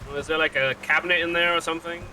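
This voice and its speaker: A man's voice: on the high side, fairly even intonation, very fast, noisy background. A man speaking in character in a roleplay game, easygoing and earnest. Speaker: roleplay player.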